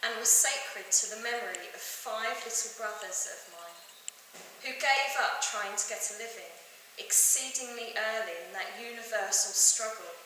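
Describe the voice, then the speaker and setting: A woman reading a classic novel aloud, slowly and with emphatic stress on each item of a list. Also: a little high, bright, forceful tone. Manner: slow, emphatic reading of lists. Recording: echoey hall from afar, with background noise.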